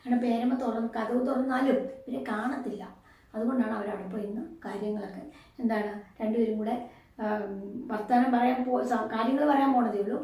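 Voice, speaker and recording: A woman's voice: fairly high pitch, fairly even intonation, a little fast, mellow. A woman teacher, explaining a story to her class. She asks the pupils questions and answers them herself. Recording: echoey room, voice from far off.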